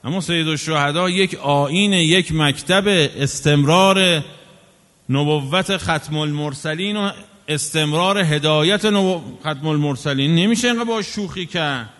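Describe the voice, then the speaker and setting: High-voiced man preaching in a reverberant hall. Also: a bit bright. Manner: impassioned, rhetorical, scolding. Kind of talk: sermon.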